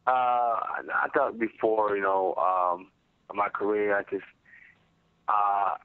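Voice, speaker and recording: A man's voice: on the low side, flat delivery, slow pace, smooth, no room sound. A man speaking casually as a fighter answering questions on a phone conference call, peppering answers with "you know" and "man". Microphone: telephone. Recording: muffled phone conference line.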